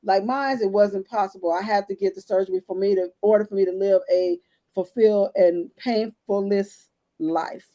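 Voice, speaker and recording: In a casual chat, a woman in her late fifties who co-hosts a podcast candidly shares her health story and speaks directly to the women tuning in. Her mellow, mid-range voice moves at a moderate pace with fairly even intonation.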